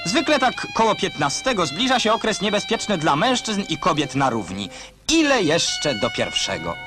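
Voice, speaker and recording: A man narrates an old-style newsreel in a high, sweeping voice that rises and falls a great deal. His commentary is dry and ironic. Loud music runs beneath every line. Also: wildly swooping pitch, normal speed. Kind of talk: 1960s newsreel voice-over.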